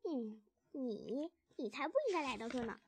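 A woman voicing a sly, confident father fox who talks in a smooth, teasing way in a storybook reading. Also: a little high, lively intonation, moderate pace, darkish tone. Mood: mocking.

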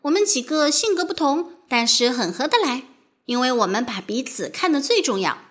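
A woman voicing a tiny, kind flower fairy girl in a read-aloud storybook, speaking softly and sincerely. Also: high-pitched, animated, moderate pace. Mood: friendly.

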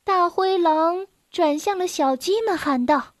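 A woman narrating a children's storybook in a clear, expressive way. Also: very high voice, a little slow, dry recording, clean studio sound.

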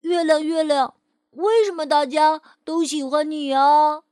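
A curious little boy who asks everything in a hesitant, wondering way, as a storyteller puts him on. The voice is a little raised and bright. It comes across as a storybook child. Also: sits high, slow pace, dry recording, studio quality.

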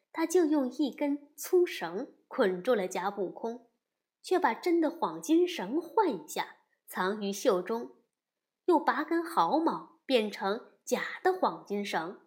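A woman narrating a classic storybook tale with a slow, expressive reading. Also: mid-range voice.

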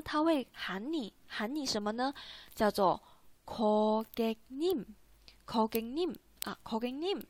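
Female teacher, slightly high voice, dry close sound, patient and repetitive. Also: dry recording. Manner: patient, repetitive, asks "right?" often. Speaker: Korean language teacher. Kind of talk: online language lesson.

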